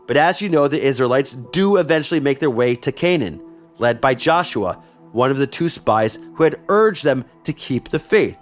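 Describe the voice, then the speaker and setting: A man narrates a history podcast from a script and slips in wry, chatty asides. His voice sits at an ordinary middle pitch. Faint music plays behind him. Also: animated, moderate pace. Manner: wry, conversational. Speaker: podcast host.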